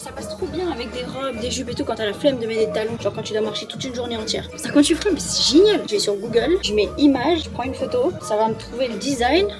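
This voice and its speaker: A woman's voice: fairly high pitch, lively intonation, fast, few pauses. A young woman from Switzerland, chatting enthusiastically through a casual travel vlog. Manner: chatty, enthusiastic, thinks aloud. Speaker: lifestyle vlogger. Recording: music playing under the voice.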